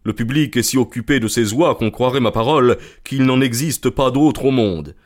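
A man reading an audiobook, voicing an irritable middle-aged goose seller who talks gruffly and boastfully. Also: mid-range voice, moderate pace, pitched above the performer's own voice, natural voice. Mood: angry.

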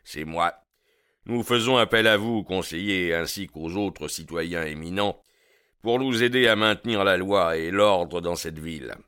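A man reading the part of a self-assured police captain who taunts with calm irony. The voice is low and smooth, bright and forceful, recorded dry and close. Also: a little slow, dry recording. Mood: mocking. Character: confident police captain, middle-aged man, mocking. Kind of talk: audiobook character reading.

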